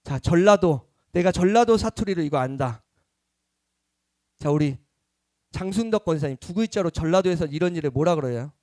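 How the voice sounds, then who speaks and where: A middle-aged man, a pastor preaching a Sunday sermon, lively and questioning the congregation. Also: on the high side, moderate pace, long pauses, dry recording, studio quality.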